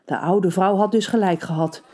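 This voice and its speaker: A woman narrating a storybook tale in a playful, expressive way. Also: mid-range voice, moderate pace.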